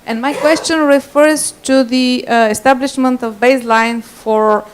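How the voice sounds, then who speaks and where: A woman from Bulgaria in a conference audience, asking a question carefully, pausing with fillers. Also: high-pitched, fairly even intonation.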